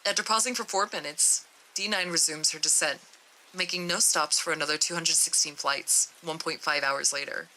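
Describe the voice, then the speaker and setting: A young woman streamer reading a horror article aloud, steady with small stumbles. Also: sits low, normal speed, a little hiss or hum, rough recording.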